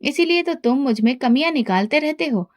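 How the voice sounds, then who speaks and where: A woman's voice: sits high, lively intonation, brisk. A woman voicing a touchy young wife and mother in a storybook reading, answering in a sulky, curt way.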